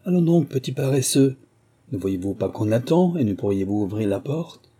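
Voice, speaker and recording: A man voicing a haughty, quick-tempered young gentleman in a storybook reading, with a raised, commanding delivery. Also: medium pitch, lightly acted. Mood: indignant.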